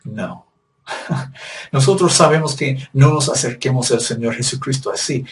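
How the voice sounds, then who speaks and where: A man's voice: mid-range voice, a little slow, far from the mic, slight background noise. A male preacher giving a sermon, emphatic and repetitive, with rhetorical questions.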